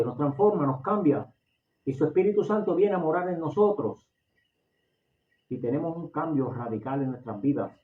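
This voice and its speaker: A man from Puerto Rico with a Puerto Rican accent, preaching a sermon with passion, often repeating and restarting his phrases. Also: a little high. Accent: Puerto Rican Spanish. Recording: echoey, distant, phone-like audio.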